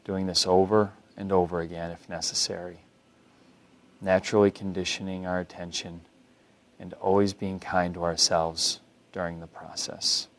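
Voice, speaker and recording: A deep-voiced man leads a guided body scan meditation as a mindfulness instructor. He is calm, unhurried, and gently instructive.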